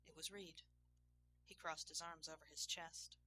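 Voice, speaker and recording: A woman reading a scripted story aloud in a soft, hushed manner that sometimes drops to a whisper. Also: sits low, fairly even intonation, moderate pace, slight background noise. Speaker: narrator. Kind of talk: scripted audio story narration.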